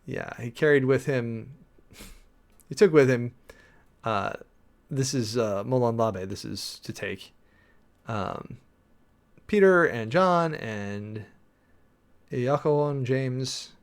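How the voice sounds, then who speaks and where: A man preparing a sermon out loud, casually thinking through scripture with many fillers and restarts, sometimes slowly reading Greek. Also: mid-range voice, lively intonation. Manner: reads and parses Greek text slowly. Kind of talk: casual sermon-prep talk.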